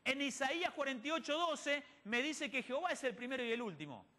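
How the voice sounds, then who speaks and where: A man's voice: extremely high pitch, animated, fairly quick, bright, forceful tone. A man giving a sermon-style Bible teaching in a church, asking rhetorical questions and quoting conversations. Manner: asks the audience rhetorical questions and answers them; quotes others in conversation. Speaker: church speaker.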